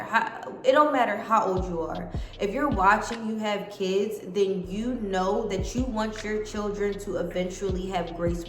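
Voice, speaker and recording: A woman's voice: medium pitch, roomy sound. A woman in her late twenties talking casually to camera, giving earnest life advice to her viewers. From United States. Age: 20s. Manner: earnest, conversational, addresses viewers as guys. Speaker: vlogger.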